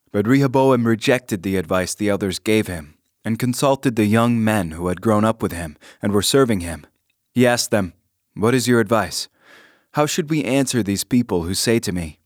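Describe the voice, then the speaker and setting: Calm low-voiced man reading devotional. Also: dry recording, clean studio sound. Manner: calm, measured reading with prayer. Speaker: devotional reader. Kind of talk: scripted scripture reading and devotional.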